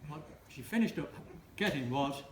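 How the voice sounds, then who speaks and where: A man's voice: on the high side, lively intonation, normal speed, fairly bright tone. A man in his seventies giving a wedding speech, with dry, self-mocking humour and teasing asides to the couple. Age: 70s. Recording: roomy hall with faint noise.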